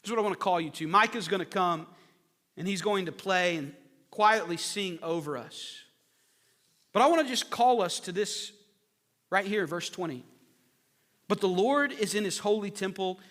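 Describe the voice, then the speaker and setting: A man's voice: high-pitched, moderate pace, pauses often, a bit bright. A man preaching an earnest sermon, repeating phrases for emphasis. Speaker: pastor. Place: church sanctuary. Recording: echoey hall with long reverb.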